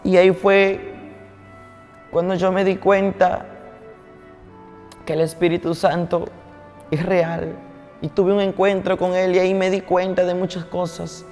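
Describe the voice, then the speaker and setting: A man's voice: sits high, level tone, measured pace, pauses often. A male pastor preaching with a fervent, repetitive cadence, telling a testimony and then praying. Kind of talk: testimony sermon and prayer. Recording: reverberant with soft background music.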